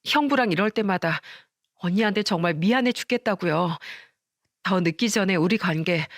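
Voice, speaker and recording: Storybook role: woman as an anxious, guilty younger sister, soft and pleading, dry recording. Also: on the low side, lively intonation, normal speed, no room sound.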